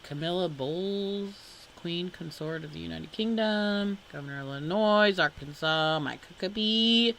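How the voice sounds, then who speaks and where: A woman talking casually to her viewers as she reads out a long list of names and titles. She goes slowly and with a bright, forward tone. Between names she drops exasperated asides and sighs. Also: fairly low pitch, a little hiss or hum. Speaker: vlogger reading a family-tree list. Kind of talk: casual commentary while reading aloud.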